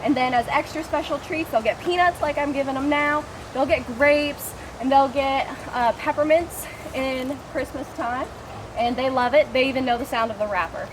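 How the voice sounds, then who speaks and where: Woman, cheery zookeeper, enthusiastic casual explainer, higher-pitched, outdoor recording with clear ambient noise. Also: normal speed. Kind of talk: casual explanatory talk to visitors. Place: outdoors at an animal habitat.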